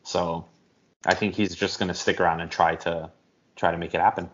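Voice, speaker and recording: A man co-hosting a casual football podcast, explaining at length in a measured way with frequent ums. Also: low voice, level tone, a bit bright, a little hiss or hum. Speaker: podcast co-host. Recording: dull lo-fi audio.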